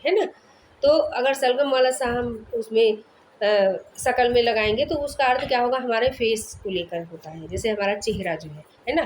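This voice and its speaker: A woman's voice: high voice, slight background noise. A woman teacher with a Hindi accent explaining a language lesson, posing questions and answering them herself. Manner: explanatory, asks and answers her own questions; frequent checking tags. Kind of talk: classroom lecture.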